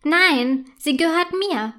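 A woman's voice: high voice, fairly bright tone. A woman doing a sulky little sister girl. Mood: indignant. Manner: sulky, quick to take offense. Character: touchy, stubborn younger sister girl.

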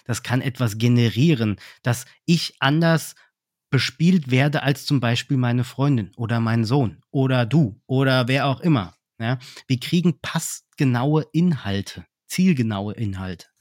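Two men in conversation, and this one has a middle-pitched voice that comes across very dry and close to the mic. He keeps things lively, tells stories and jumps in and out of the little phone scenes he acts out. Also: measured pace, no echo. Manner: lively storytelling, acting out phone calls. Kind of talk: casual business chat.

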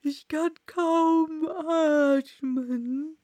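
A woman voicing a grumpy, sleepy male dormouse who speaks slowly and indignantly. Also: high voice, steady tone, dark tone, no room sound, pitched above the performer's own voice. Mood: breathless. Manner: slow, drawling and indignant.

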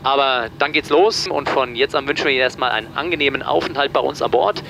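A man speaking as an airline captain, giving a formal, courteous, slightly halting cockpit announcement to passengers. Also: medium pitch, creaky. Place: airliner cockpit before departure. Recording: cockpit PA announcement, aircraft noise behind.

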